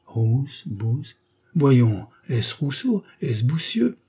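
A man voicing a sharp-tongued, impatient bourgeois wife who scolds loudly in a raised, husky voice. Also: medium pitch, sing-song, drawn-out words, voice pushed up, heavily acted. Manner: loud, scornful and exclaiming.

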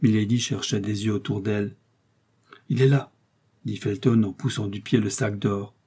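Male audiobook narrator: measured storytelling, warm-dark and husky timbre. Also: on the low side, level tone. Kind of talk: scripted narration.

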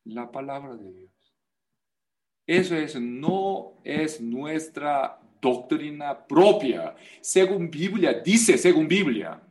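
Guy preaching a sermon, slow, lifts to loud emphasis, keeps asking the crowd questions. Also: a little high. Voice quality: animated, rising to loud emphasis. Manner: non-native Spanish, emphatic repetition, rhetorical questions. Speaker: pastor.

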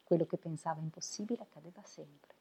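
A woman reading a novel aloud for web radio, steady and unhurried. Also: low voice, vocal fry, husky. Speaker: volunteer reader.

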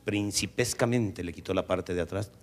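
A man with a Mexican Spanish accent telling a profane comic story, drawing out punchlines and jumping into high voices for the people he quotes. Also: normal speed, heavy background noise. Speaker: stand-up comedian.

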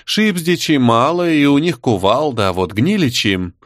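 A man voicing a bossy, scheming clan matriarch who speaks slowly and firmly, in an audiobook reading. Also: medium pitch, sing-song, no echo, studio quality, pitched above the performer's own voice, close to an everyday voice. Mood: commanding. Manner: commanding, slow and deliberate.

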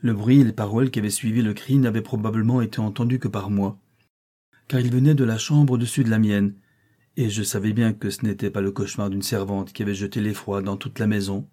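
A man reading a classic novel aloud in measured, dramatic scripted narration. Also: fairly low pitch, dark tone. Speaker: audiobook narrator.

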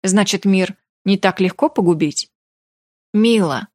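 A woman's voice: medium pitch, normal speed, dry recording. Woman reading an audiobook, dry sound. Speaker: audiobook narrator. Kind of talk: scripted audiobook narration.

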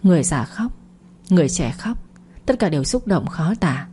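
A woman reading a story aloud in a steady, measured way. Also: low-pitched, a little hiss or hum. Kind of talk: scripted audiobook narration.

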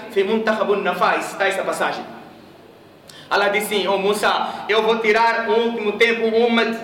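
A man's voice: sits high, bright, forceful tone. A man from Mozambique preaching a sermon in a mosque hall, telling a story and questioning his audience. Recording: echoey room, voice from a distance.

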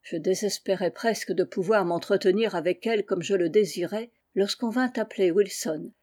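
The narrator, a woman audiobook reader, gives a first-person reading of a classic story in a darkish, mid-range voice at moderate pace. Her delivery is strained and feverish.

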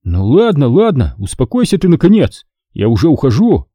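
A man's voice: sits high, big pitch swings, moderate pace, mellow, dry recording, pitched above the performer's own voice, full character voice. A man doing a cheeky, hungry young soldier. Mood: sulky. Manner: talking with a full mouth, unbothered.

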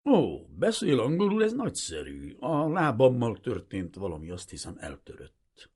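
A husky-voiced man reading an audiobook, voicing a cheerful young American pilot with a broken leg, pitched higher than his narration. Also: huge pitch swings, darkish tone. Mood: relieved. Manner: cheerful, surprised, strained. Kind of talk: audiobook character voice.

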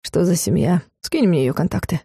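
Woman reading as a calm, ironic middle-aged father, low dark voice, dry close sound, audiobook reading. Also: moderate pace, vocal fry, slightly rough, dry recording, heavily acted.

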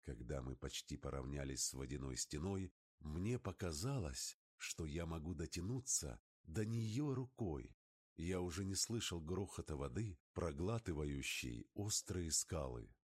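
Man, very low voice, husky, lively intonation, expressive audiobook narration. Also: a little slow. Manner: expressive first-person storytelling.

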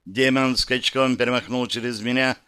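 A man's voice: medium pitch, steady tone, normal speed, sharp tone, clean tone. A man narrating a first-person fantasy audiobook with dramatic, vivid storytelling.

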